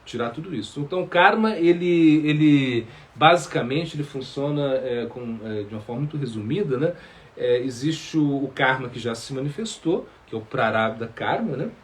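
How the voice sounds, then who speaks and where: Halting spiritual teacher. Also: male voice, medium pitch, expressive. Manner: halting, many fillers and repeated words. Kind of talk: sermon answering questions.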